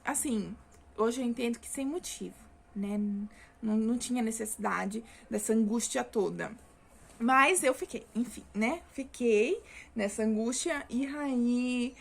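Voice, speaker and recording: A woman's voice: on the high side, gravelly. A young woman from Brazil, telling a personal story in a casual chatty way, full of fillers and self-corrections. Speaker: vlogger.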